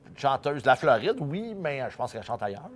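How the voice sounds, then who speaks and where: A man's voice: medium pitch, sing-song, brisk. A Québécois man hosting a podcast, in a loose and joking tone with many fillers. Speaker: podcast host. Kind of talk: casual podcast chat.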